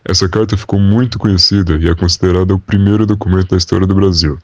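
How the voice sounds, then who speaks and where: A young man playing a calm, proud Portuguese royal scribe, recounting in a measured, formal way on a school podcast. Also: low voice, no echo. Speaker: interviewee. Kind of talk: school podcast role-play.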